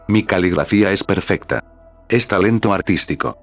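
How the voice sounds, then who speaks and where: A man's voice: lowish voice, moderate pace, faint music behind, lightly acted. A man voicing a wry, unbothered young male professor who teases dryly, in a storybook reading. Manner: dry and teasing.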